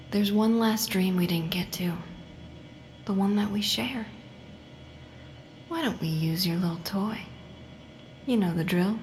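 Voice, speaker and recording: In a psychological horror audio drama, an actress plays a vengeful patient who is coldly controlled and commanding, mocking and deliberate, often sinking into breathy murmurs. Her voice is lowish, with a slight hiss or hum on the recording.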